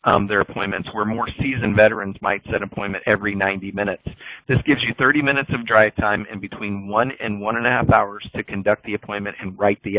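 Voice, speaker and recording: Lowish man coaching phone sales. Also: no room sound. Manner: coaching, direct and instructive. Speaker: sales trainer. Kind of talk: recorded training talk over slides. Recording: dull lo-fi dry audio.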